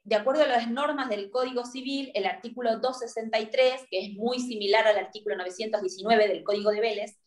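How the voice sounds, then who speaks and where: Argentine woman lecturing in a roomy echo. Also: fairly high pitch. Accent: Argentine Spanish. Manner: explanatory, checks in often with a questioning "right?". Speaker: university law lecturer. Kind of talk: online university lecture.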